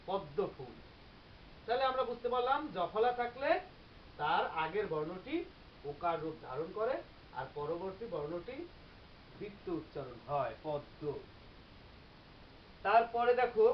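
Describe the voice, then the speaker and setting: A teacher giving a grammar lecture, explaining step by step and repeating example words slowly. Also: medium pitch. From Bangladesh. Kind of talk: classroom-style grammar lecture. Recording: slightly dull recording with faint hiss.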